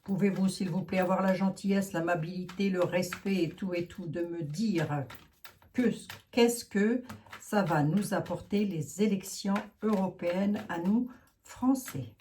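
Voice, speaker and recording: Woman, Lorraine French accent, frank chatty card reader, fairly low voice. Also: unhurried, warm tone, slight background noise. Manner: chatty, frank, thinking aloud with many fillers. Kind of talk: casual card reading monologue.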